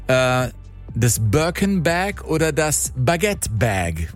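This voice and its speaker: A man hosting a radio quiz, chatting quickly with callers and explaining the rules. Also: medium pitch, very animated, faint music behind. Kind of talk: lively radio quiz moderation.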